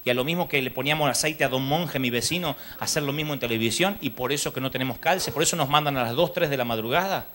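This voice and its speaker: A man's voice: medium pitch, fast, few pauses. A man with a Rioplatense Spanish accent preaching a humorous sermon at a live church conference, telling stories and acting out the dialogue. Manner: animated storytelling, acts out dialogue.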